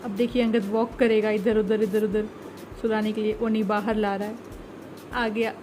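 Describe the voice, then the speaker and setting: A woman's voice: medium pitch, level tone, moderate pace, a little mellow, a little hiss or hum. A young woman talking casually to her viewers in a home vlog, chatty, narrating what is going on around her at home. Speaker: vlogger. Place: home balcony at night.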